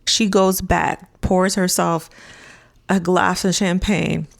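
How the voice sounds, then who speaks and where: A woman's voice: on the low side, flat delivery, slow, creaky, dry recording. A woman hosting a casual reality show recap vlog, talking in an emphatic, dramatic way.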